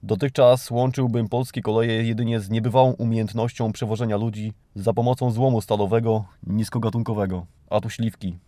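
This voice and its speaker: Speaking fairly quickly with hardly any pauses, a Polish man hosting a podcast uses a low-ish, warm, steady voice in a dry recording. His scripted monologue satirizes news items, read in an ironic, theatrical, mock-grandiose manner.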